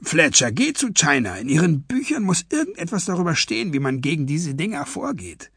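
A man voicing a calm, commanding male detective with a clipped, matter-of-fact delivery in a husky voice. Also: on the high side, fairly quick, no echo, clean studio sound, voice pushed up, exaggerated voice. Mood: low, calm.

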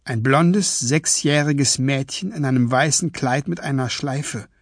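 Expressive husky male audiobook narrator. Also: medium pitch, unhurried, no room sound, clean studio sound. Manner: expressive storytelling. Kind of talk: scripted fantasy narration.

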